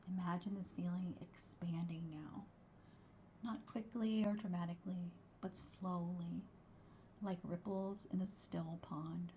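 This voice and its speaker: A woman guiding a meditation in a soft, hushed, soothing voice that slips close to a whisper, unhurried and gentle. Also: lowish voice, steady tone, slight background noise. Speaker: host, wellbeing coach and meditation guide. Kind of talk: guided meditation.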